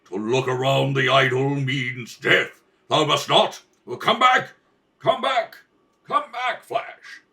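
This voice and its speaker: A man's voice: mid-range voice, slow pace, gravelly, pushed and bright, voice pushed down, heavily acted. A man voicing a proud, noble warrior prince in a radio space serial, with formal, archaic speech. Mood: defiant. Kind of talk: old-time adventure radio serial acting.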